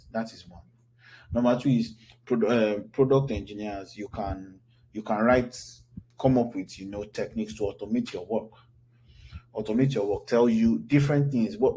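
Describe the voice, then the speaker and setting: The recording is rough, with slight background noise, capturing a lowish, warm male voice. He's a Nigerian man in his thirties instructing an informal online class, answering questions in a loose, talkative way with lots of fillers and restarts.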